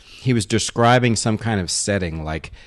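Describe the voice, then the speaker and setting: A man co-hosting a podcast, telling rambling, animated anecdotes in casual chat. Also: lowish voice, moderate pace. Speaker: podcast co-host.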